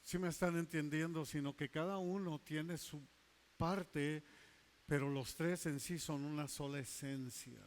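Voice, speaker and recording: A male pastor preaching a sermon, emphatic, stretching key words slowly and dropping into quiet asides. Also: a little high, steady tone.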